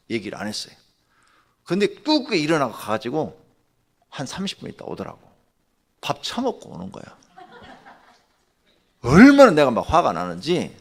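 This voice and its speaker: A pastor giving a dawn sermon, telling a story in a lively way that swings from hushed asides to loud bursts. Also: male voice, lowish voice, gravelly. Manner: animated, swings from hushed to shouting.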